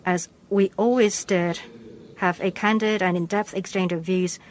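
A live interpreter voice translating a leader's formal remarks, measured and restarting now and then to keep pace. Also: medium pitch, fairly even intonation, slight background noise. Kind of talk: simultaneous interpretation of a formal statement.

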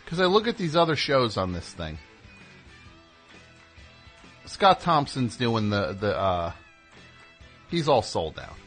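A man hosting a live call-in radio show, rambling and excitable. His voice sits at a middle pitch and breaks into loud yells now and then. Faint music plays behind him. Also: slow pace, pauses often. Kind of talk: casual live radio chat.

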